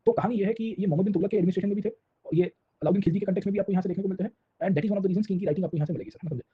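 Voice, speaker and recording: Fast, husky male history teacher. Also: sits high, lo-fi sound. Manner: mixes Hindi and English, asks "samjhe?" and "sir" constantly. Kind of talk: classroom lecture. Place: classroom.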